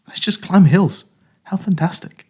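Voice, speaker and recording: A man's voice: high-pitched, a little slow, dark tone, husky. An English man hosting a podcast, chatting casually and joking at his own expense outdoors on a hilltop. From England. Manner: jokey, self-mocking. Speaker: podcast host. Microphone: phone.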